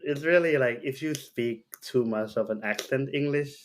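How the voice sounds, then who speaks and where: A young man with a Thai accent co-hosts a casual podcast chat, relaxed and quick to laugh along. His voice sits at an ordinary middle pitch for a man. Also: a little hiss or hum. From Thailand. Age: young adult. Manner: relaxed, laughs along, short agreeing replies. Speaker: podcast co-host.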